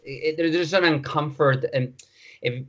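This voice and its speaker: A man's voice: a little high, unhurried, fairly bright tone, lo-fi sound. A man from Barcelona talking casually on a call, repeating himself as he talks. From Barcelona, Spain. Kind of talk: casual video call discussion.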